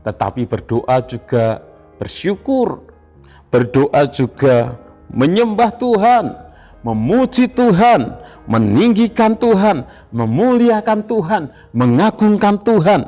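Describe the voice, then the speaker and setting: A man with an Indonesian accent delivers an evening devotional sermon in a fairly high voice. He speaks very slowly and leans on repeated phrases for emphasis. Soft music plays faintly behind him. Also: very animated. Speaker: pastor.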